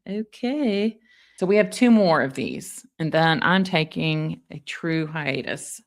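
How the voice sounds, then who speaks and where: A woman's voice: low-pitched, measured pace, vocal fry. A woman host giving casual, chatty commentary to viewers of a live online stream.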